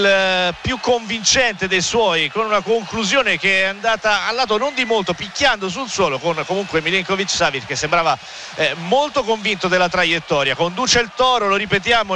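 A man commentates live on football in a high, strikingly bright and forceful voice. He keeps up a fluent, wordy play-by-play. Faint stadium noise runs behind him. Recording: noisy outdoor stadium background.

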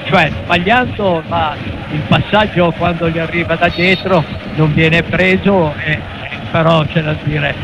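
An Italian male pundit comments on a match off the cuff. He has a fairly high voice and speaks haltingly, repeating words. The feed is dull, with clear stadium noise behind. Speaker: football pundit, second commentator. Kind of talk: unscripted match analysis.

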